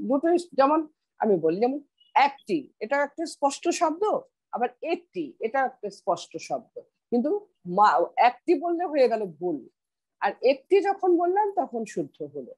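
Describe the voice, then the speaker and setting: A woman's voice: on the high side, darkish tone, no room sound. A middle-aged woman teaching pronunciation on a video call, patiently repeating words for her students. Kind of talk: online class, explaining pronunciation.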